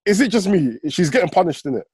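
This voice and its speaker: A quick-talking man with a London roadman accent, recorded dry. His voice is slightly mellow and husky. He chats casually and emphatically in slang, circling back to repeat his point. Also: high-pitched, big pitch swings, no room sound. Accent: London, urban roadman slang. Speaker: wrestling podcast co-host. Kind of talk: casual chat.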